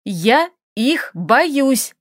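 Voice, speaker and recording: A woman's voice: fairly high pitch, expressive, no room sound. Woman putting on a feisty young gal, snappy and bickering, kinda raised voice, dry close audiobook sound. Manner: quick, bickering, exclamatory. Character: feisty young woman, stubborn and sharp-tongued.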